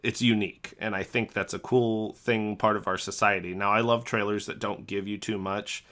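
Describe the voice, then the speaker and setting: A young man on a podcast, casually telling a story and acting out the quotes with big jumps in pitch. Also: fairly even intonation, normal speed, a bit bright. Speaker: podcast co-host.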